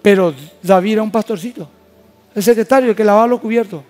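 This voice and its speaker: A pastor with a Paraguayan Spanish accent delivers his sermon in a notably high voice for a man. He preaches emphatically and keeps asking his congregation questions. Soft music sits faintly behind him. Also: fast. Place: church service.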